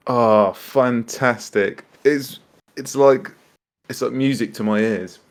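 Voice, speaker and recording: A man's voice: mid-range voice, slow. A British man hosting a casual chat in an informal, rambling way. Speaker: host.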